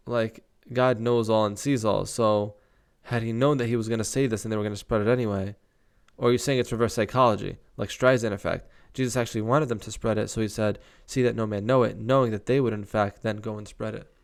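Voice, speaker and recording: Young guy reading the bible out loud, stops to riff on it, bit of fry in his voice. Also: lowish voice, fairly even intonation, fairly quick. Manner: reads scripture aloud, stops to comment casually. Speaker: Bible reader and commentator. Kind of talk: casual Bible reading with commentary.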